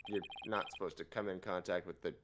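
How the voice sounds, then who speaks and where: A man's voice: low voice, fast talker, very noisy. A man hosting a gaming show, playfully reading character lines aloud and bantering in a goofy way. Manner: goofy, animated. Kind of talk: playful let's play, dramatic line reading and banter.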